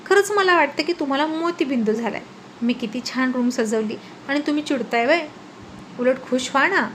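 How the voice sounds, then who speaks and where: Lady putting on a squeaky, whiny young wife, scatterbrained and cheeky. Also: moderate pace, fairly bright tone, a little hiss or hum. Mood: teasing. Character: clumsy, chatty young wife, scolding and playful.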